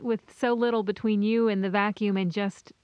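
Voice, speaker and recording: A woman's voice: medium pitch, fairly even intonation, moderate pace, darkish tone, no echo. A woman radio interviewer asking questions in a hesitant, rephrasing way. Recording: dull, dry radio link.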